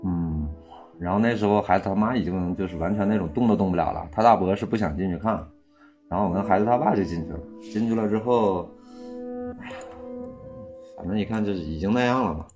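A man in his thirties, a volunteer aid worker, telling a personal story in casual speech, halting and full of restarts, growing heated when angry. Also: low voice, darkish tone, soft background music. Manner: halting, many restarts and fillers, rising heat when angry.

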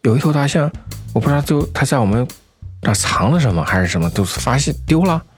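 A man telling first-person stories in an unscripted interview, conversational and halting, often repeating phrases. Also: medium pitch, big pitch swings, soft background music. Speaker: anti-poaching patroller, interview guest.

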